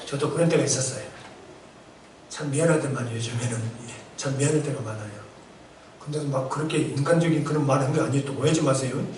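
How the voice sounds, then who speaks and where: Middle-aged male preacher, animated, asks the congregation questions; recorded from far off in a roomy church. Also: medium pitch, fast, a little hiss or hum. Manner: animated preaching with rhetorical questions and acted-out outbursts. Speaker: pastor. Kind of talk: sermon. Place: church sanctuary. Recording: echoey church hall from far off.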